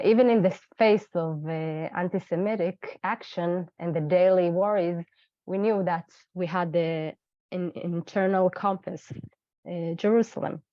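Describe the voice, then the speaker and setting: A woman from Ethiopia in her thirties tells her own story over a video call, earnest and halting with many fillers. Her voice sits on the low side and she is not feeling well. The sound is dry and dull, like a lo-fi call. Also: no echo. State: unwell. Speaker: webinar guest speaker. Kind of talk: personal testimony.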